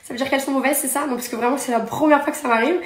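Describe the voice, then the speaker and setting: An influencer and reality TV star, a young woman, rattles off a sarcastic social media story rant into a phone held at arm's length, indignant and rapid-fire. Her high voice keeps a steady tone. The room has a noticeable echo, much like a bare apartment.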